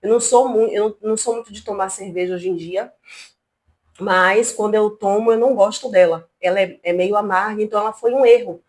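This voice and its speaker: A woman from Brazil hosting a casual commentary vlog from her home, talking in an indignant, animated, chatty way. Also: mid-range voice, fairly quick. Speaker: channel host. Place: at home, not a studio.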